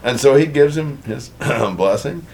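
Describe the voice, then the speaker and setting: A man preaching a conversational sermon, retelling a story in an animated, chatty way. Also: mid-range voice, a little slow.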